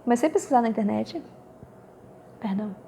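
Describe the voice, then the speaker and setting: Gravelly-voiced Brazilian woman telling a story. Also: fairly high pitch, a little fast, a little hiss or hum. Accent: Brazilian Portuguese. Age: adult. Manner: animated storytelling, addresses listeners as "gente". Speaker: mother talking about her children and quantum physics. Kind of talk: casual spoken testimony.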